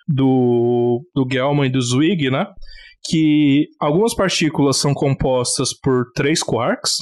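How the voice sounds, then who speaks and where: Joking Brazilian physicist, higher-pitched man. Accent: Brazilian Portuguese. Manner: informal, jokey, swears, mock exasperation. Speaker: podcast co-host, theoretical physicist. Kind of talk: casual science podcast chat.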